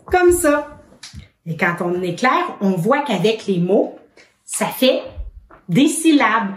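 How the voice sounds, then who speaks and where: With a Québécois French accent, this children's educator gently encourages her young learners and poses question after question. Her slightly high voice is slow and sing-song, far from the mic in an echoey room, with a bit of hiss or hum.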